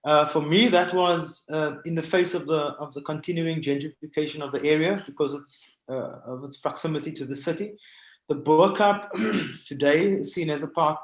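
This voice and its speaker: His voice is on the high side with a steady tone. Joining a video call from home in Cape Town, South Africa, this guest artist gives an informal storytelling presentation, often halting and pausing, with the video call mic producing roomy, echoey audio.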